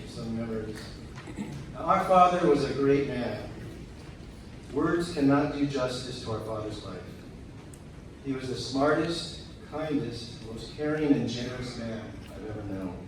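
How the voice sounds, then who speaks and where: A man delivering a prepared eulogy in a tender, measured way, with deliberate pauses. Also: mid-range voice. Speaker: son giving a eulogy. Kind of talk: prepared memorial speech. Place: large room at a memorial service. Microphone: picked up from a distance. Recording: very echoey, distant, noisy hall.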